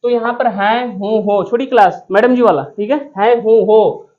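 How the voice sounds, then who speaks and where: A man's voice: sits high, a little slow. Male teacher, classroom grammar lesson, repeats questions for the class to answer, cracks jokes, slightly muffled audio. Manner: repetitive question-and-answer drilling; joking asides to students. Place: classroom with students present.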